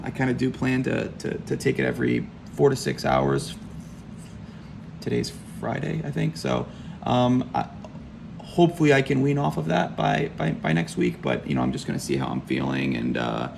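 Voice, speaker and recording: A man speaking casually in a video diary, hesitant and repeating words, with a gravelly voice full of vocal fry. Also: medium pitch, sing-song, normal speed. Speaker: patient recounting his back surgery. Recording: faint background room noise.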